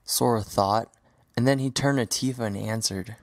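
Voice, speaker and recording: A man narrating a fan audio drama as a storybook reading in a steady, even manner. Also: medium pitch, normal speed, no room sound, clean studio sound. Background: faint music.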